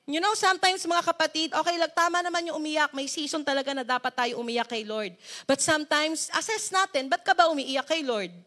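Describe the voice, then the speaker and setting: A woman pastor delivers an animated sermon in a high, bright voice. She leans hard on key words and turns often to her listeners with direct questions. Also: fairly quick. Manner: emphatic, animated preaching with dramatized quotes.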